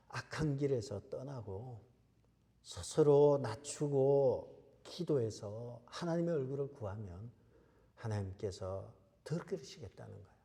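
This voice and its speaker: Male pastor, emphatic Sunday sermon, rhetorical questions; mellow tone, long church reverb. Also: medium pitch. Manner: emphatic, repeats key phrases, asks rhetorical questions. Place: church sanctuary.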